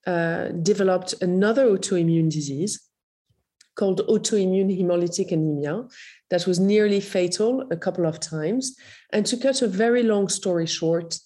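Mellow woman with French-Iranian-Moroccan accent. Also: mid-range voice. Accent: blended French, Iranian and Moroccan. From Morocco, later France. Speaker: podcast guest, health platform founder. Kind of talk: conversational interview, telling life story.

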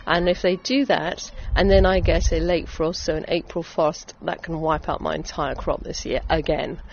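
This woman's voice is low, creaky, and steady, delivered at a moderate pace. She is a middle-aged vineyard owner from Essex with a southern English accent, chatting eagerly in a relaxed interview captured on dull, lo-fi audio with background noise.

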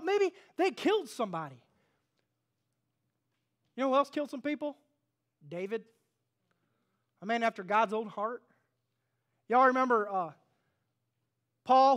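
A pastor in his thirties preaches a sermon with an extremely high-pitched voice. He's animated, swinging between hushed and loud, and calls out for responses from the congregation.

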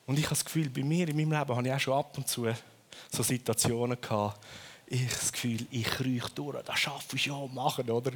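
A man from Switzerland with a Swiss accent, preaching a sermon in a lively storytelling way and often ending his phrases with a questioning tag. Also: medium pitch, a little fast, slightly rough.

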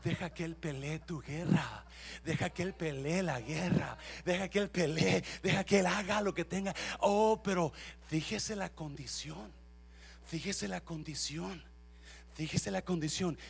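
A pastor preaching a sermon, swinging from shouting to soft talk, repeating his phrases and mixing in English. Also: high voice, measured pace, vocal fry, husky. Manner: mixes English and Spanish.

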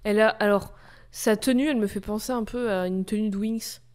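A woman co-hosting a casual chat, reacting with quick, playful remarks. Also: medium pitch, fairly even intonation, a little mellow. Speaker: podcast co-host.

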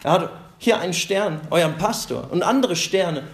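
A man delivers a sermon in a fairly high voice, with the room's echo ringing around his words. He tells his stories and acts out the excuses of the people in them as he goes. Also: animated, normal speed. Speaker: preacher.

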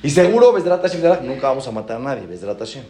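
A man's voice: mid-range voice, fast talker, a little hiss or hum. A man, a rabbi giving a Torah class, acting out stories and repeating phrases for emphasis. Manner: animated, acts out dialogues, repeats phrases for emphasis. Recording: roomy echo.

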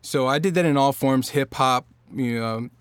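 Speaking at a normal speed in a clean, echo-free recording, a mid-range male voice belongs to a singer-songwriter from Norfolk, Virginia. He chats casually as a podcast guest, drifting along with frequent fillers and false starts.

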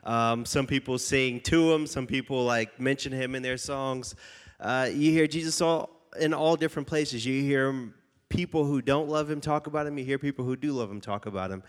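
A young youth pastor with a mid-range voice and moderate pace sounds stuffy and slightly nasal from a cold. He preaches casually and jokingly to a youth group and reads scripture aloud.

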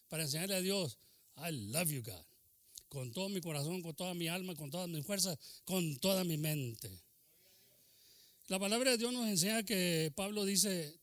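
An older man preaching a bilingual sermon, mixing Spanish and English, with frequent amens and hallelujahs and sudden drops into a soft, low voice. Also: no room sound, studio quality. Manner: preaches with exclamations of amen and hallelujah; switches between Spanish and English.

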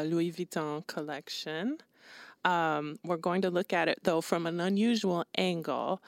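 Woman co-host with a creaky, low voice, musing out loud in a casual way. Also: no echo. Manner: reflective, rambling with fillers like "like" and "um". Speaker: podcast co-host. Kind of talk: casual podcast conversation.

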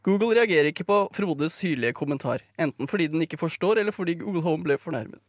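Male narrator for a live radio play, slightly higher voice, brisk and dry delivery, close and dry sound. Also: animated, dry recording.

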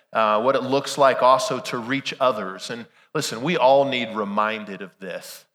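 A man's voice: medium pitch, pushed and bright. A man preaching a Sunday sermon in a conversational way, asking rhetorical questions, his voice weak and strained from being sick. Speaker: pastor. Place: large church room during a service. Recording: reverberant hall sound.

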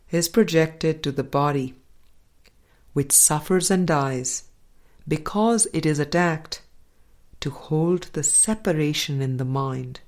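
A woman reads aloud from a spiritual book at an unhurried, deliberate pace, pausing between passages to add her own remarks. Her voice is low, and her phrases tend to trail off into a soft, quiet finish.

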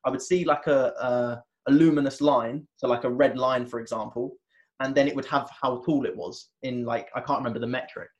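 A man, a guest in a conversation, telling a personal story in an animated way, with many restarts and fillers. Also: medium pitch, fairly quick. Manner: animated retelling, acting out his own past words. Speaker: interview guest, wellness coach.

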